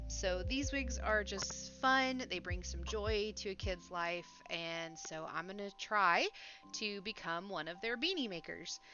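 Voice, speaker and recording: A woman chatting casually as a crochet livestream host, talking a little funny through sinus congestion and a sore, swollen mouth. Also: on the low side. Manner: slightly impeded speech from a swollen, sore mouth. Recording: dull, lo-fi sound with faint music.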